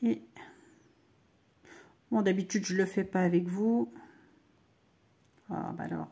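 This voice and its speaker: A middle-aged woman hosts a crochet tutorial on doll clothes, chatting with viewers as she works. Her medium-pitched voice is slow and mellow, with vocal fry and a breathy edge.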